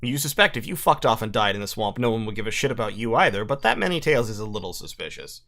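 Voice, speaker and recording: A man's voice: fairly low pitch, big pitch swings, fast talker, a bit bright. A man playing a game, commenting casually, reacting with swearing and disbelief, and reading event text aloud. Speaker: let's play gamer. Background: game music.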